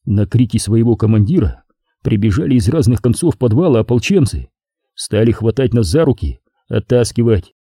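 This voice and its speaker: A man reads a first-person story aloud in a steady audiobook manner. His voice is dark and husky, with a lively rise and fall. The sound is dry and close. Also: medium pitch, normal speed, dry recording. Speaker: narrator. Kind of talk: audiobook reading.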